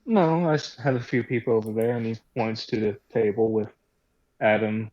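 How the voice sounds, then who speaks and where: A man's voice: on the low side, steady tone, normal speed, no room sound, dull audio. A man playing in a tabletop game, describing his character's actions casually and stumbling over his words. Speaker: player.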